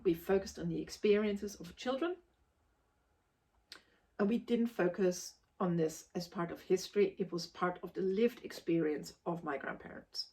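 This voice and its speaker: A woman's voice: medium pitch, darkish tone. A woman in her forties from Austria, giving a casual spoken book review in an emphatic, articulate, forthright way.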